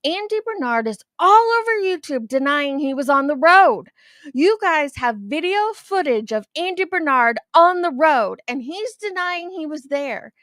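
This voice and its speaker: Woman streamer w a lisp, whistly s, kinda high voice, dry close sound, blunt casual commentary. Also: expressive, unhurried, a bit bright, dry recording. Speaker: host.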